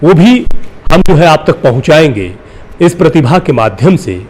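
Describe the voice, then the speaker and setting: Lively-pitched male news reporter. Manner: earnest, admiring, with pauses and fillers. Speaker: news reporter presenting a feature. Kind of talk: on-location news feature commentary.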